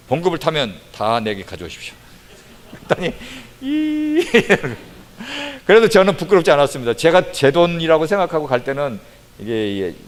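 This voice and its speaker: A man preaching a testimony sermon as a missionary, telling his story with lively acted-out quotes. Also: medium pitch. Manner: animated storytelling, acts out quoted voices. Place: church sanctuary. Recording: long hall reverb.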